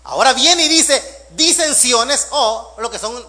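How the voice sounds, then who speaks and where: High-pitched bright preaching man. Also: takes it slowly. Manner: emphatic preaching with rhetorical questions, loud bursts then hushed asides. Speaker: pastor. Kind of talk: sermon.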